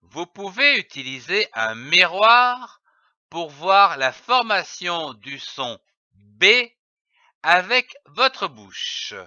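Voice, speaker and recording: A man narrating a reading lesson, spelling out letters and syllables one by one with long, careful pauses. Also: sits high, sing-song, pushed and bright, dry recording. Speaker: reading teacher. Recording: dull, lo-fi dry voice-over.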